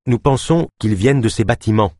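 Delune, a calm young healer, read by a man. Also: mid-range voice, a little fast, no echo, clean studio sound, voice pushed up, close to an everyday voice. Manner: calm, steady. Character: calm young male healer, about twenty.

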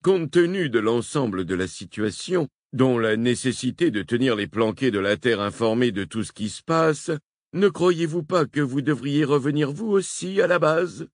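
A man reading a novel aloud, voicing a brisk, businesslike male admiral giving orders by radio. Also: medium pitch, lively intonation, dry recording, clean studio sound, voice pushed up, natural voice. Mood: persuasive.

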